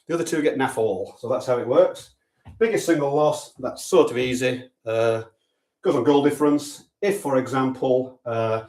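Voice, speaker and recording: A man's voice: medium pitch, a little mellow. A man talks through a sweepstake draw in a dry, offhand way, cracking small jokes as he goes. He sounds like he's standing back from the camera in an echoey room, his voice a little distant. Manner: dry, chatty, offhand humour. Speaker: sweepstake host. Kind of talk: casual live draw commentary.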